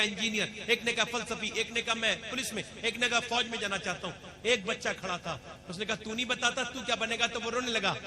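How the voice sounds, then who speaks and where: A male preacher delivering a religious sermon to a gathering, impassioned and rising to shouts as he addresses the crowd. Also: very high-pitched. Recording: live gathering with crowd noise. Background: audible crowd.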